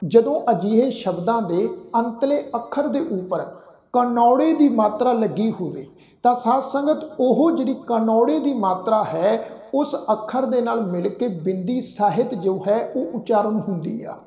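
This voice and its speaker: A man teaching correct pronunciation of scripture in an earnest, religious-lesson manner, speaking to his listeners as a congregation and reciting verses slowly. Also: very high-pitched, expressive, mellow. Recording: echoey hall reverb.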